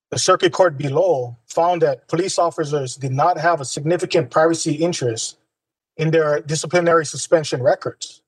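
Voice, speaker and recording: Male attorney, formal legal argument, slightly high husky voice, dry sound. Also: dry recording, rough recording.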